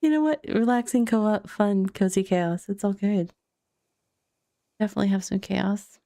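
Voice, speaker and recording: A woman's voice: mid-range voice, normal speed, vocal fry, dark tone, dry recording. A woman streaming a game from home, chatting casually to viewers with frequent laughs and loose fillers. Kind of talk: casual live-stream chat. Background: faint chill background music.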